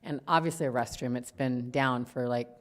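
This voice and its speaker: A woman's voice: a bass voice, fairly even intonation, moderate pace. A woman on city parks staff, presenting at a public meeting in a casual, chatty way and often restarting sentences. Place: city council meeting room.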